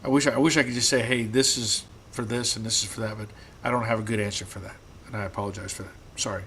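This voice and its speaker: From his garage, a man hosts a live stream and answers viewer comments in a relaxed, halting manner, repeating words as his voice turns rough from long talking. His voice is lowish, with a little hiss or hum.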